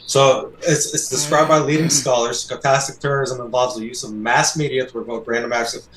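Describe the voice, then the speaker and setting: A man's voice: mid-range voice, steady tone, a little fast, a bit bright. A man from Turkey, a podcast panelist, making his point in a casual debate and insisting on finishing it. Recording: roomy sound with faint noise.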